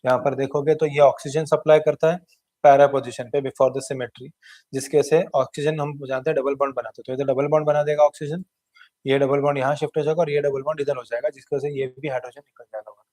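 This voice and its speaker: A man's voice: mid-range voice, little pitch movement, fast, a little mellow, no room sound. A man with an Indian accent giving an exam revision chemistry lecture, explaining step by step and often checking in with the class. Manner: explanatory, mixing Hindi and English terms, frequent "theek hai" check-ins. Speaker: chemistry teacher.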